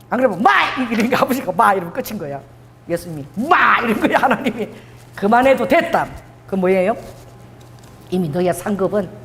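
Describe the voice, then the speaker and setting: A woman pastor preaching a sermon, with animated delivery that questions the congregation and calls for amen. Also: on the low side, a little hiss or hum. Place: church sanctuary. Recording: long hall reverb in a church.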